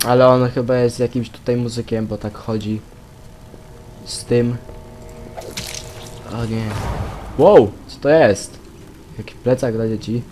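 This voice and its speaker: A man's voice: medium pitch, flat delivery, measured pace, pauses often, a little hiss or hum. Rambling young man narrating his gameplay. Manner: rambling, swears, bursts into loud shouts. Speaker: let's play gamer. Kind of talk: casual gaming commentary.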